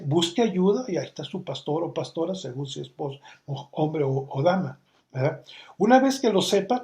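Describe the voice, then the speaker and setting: A middle-aged Mexican pastor teaches a church course conversationally, telling stories packed with quoted dialogue, in Mexican Spanish. His voice is a little high and a little mellow.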